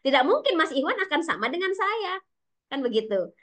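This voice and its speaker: A high-voiced woman with a Sundanese lilt lectures teachers in a webinar. She talks quickly and with energy, speaking straight to her audience. Her voice comes through a video call microphone. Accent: Sundanese-influenced Indonesian. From West Java, Indonesia (Sundanese). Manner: fast, animated talk that addresses listeners directly.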